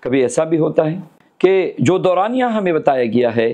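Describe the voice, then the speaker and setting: A man giving a religious lesson in speech, preaching in a measured way, lifting his voice on key phrases and then letting it fall low, and listing points in steady repetition. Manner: lists items in steady repetition. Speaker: Islamic cleric.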